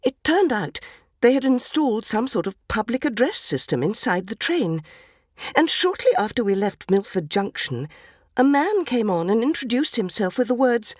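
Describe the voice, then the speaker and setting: With a fairly high, sing-song voice at a moderate pace, a woman voices a prim, naive, tearful English housewife of the 1940s in a dramatic first-person story. The English-accented reading is genteel, wistful and earnest, recorded at studio quality with no room sound.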